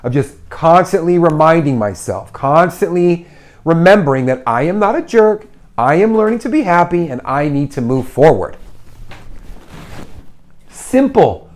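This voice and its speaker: A man in his forties hosting a casual livestream, giving encouraging advice in an animated way. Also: on the high side, a little slow. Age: 40s. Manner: animated, encouraging, acts out little voices. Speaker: host. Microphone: phone livestream.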